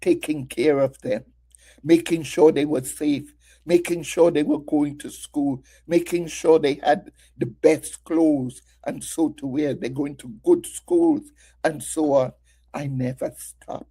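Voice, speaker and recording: A woman's voice: deep voice, steady tone, slow pace, mellow, slightly rough. A middle-aged woman preaching a Mother's Day sermon, asking her listeners many rhetorical questions and sharing her own story. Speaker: women's ministry speaker.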